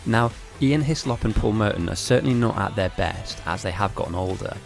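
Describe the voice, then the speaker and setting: A fairly low, gravelly male voice moves a little fast as he plays a game on stream and reads out viewer messages. He grew up in Germany and Italy speaking German and Italian but has an English accent, and his talk is rambling, chatty, and full of laughter. There's faint music in the background.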